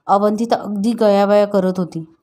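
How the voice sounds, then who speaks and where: A woman narrating an emotional family story in a calm, steady reading voice. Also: medium pitch, a little slow.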